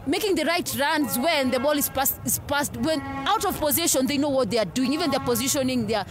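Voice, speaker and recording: A young Kenyan woman giving an animated post-match opinion, speaking into a handheld mic outside a stadium. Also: high voice, brisk, over music. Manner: animated, mixes in Swahili slang. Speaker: football fan guest. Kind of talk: casual post-match chat. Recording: outdoor interview with crowd noise.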